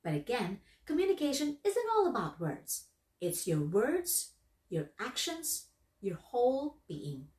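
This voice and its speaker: A woman giving instructional narration on workplace skills in a lively, emphatic, instructive way. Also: fairly high pitch. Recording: echoey room, voice from far off.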